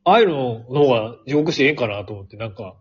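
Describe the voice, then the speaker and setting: A man's voice: mid-range voice, animated, quick pace, slightly rough, dull audio. A man with an Osaka-area Kansai accent in jokey casual banter as a radio talk co-host, often repeating himself for emphasis. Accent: Osaka-area Kansai Japanese. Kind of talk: casual two-person banter.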